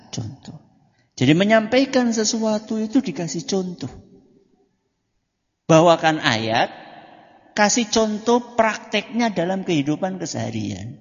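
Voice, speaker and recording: A man giving a religious study lecture as a preacher, joking, asking the audience questions and answering them himself, and moving between loud and soft delivery. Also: on the high side. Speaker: Islamic preacher. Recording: dull lo-fi recording in a reverberant hall.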